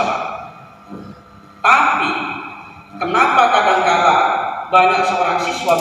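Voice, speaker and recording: A man's voice: sits high, pushed and bright, a little hiss or hum. A man giving a workshop lecture to teachers, asking rhetorical questions and stressing key words. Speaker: teacher trainer. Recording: echoey hall from far off.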